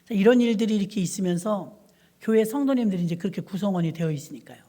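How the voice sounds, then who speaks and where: Speaking fast in a mid-range voice, a female pastor of middle age shares church stories as her sermon, chatting animatedly and slipping into short impressions of the characters involved.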